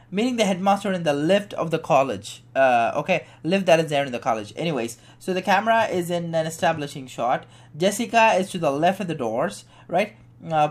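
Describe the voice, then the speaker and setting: A man walking viewers through a software tutorial on screen. He thinks aloud as he clicks through menus, with many fillers and a frequent "right?" to check in with the viewer. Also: a little high. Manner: hesitant, many fillers, keeps asking "right?". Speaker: software instructor.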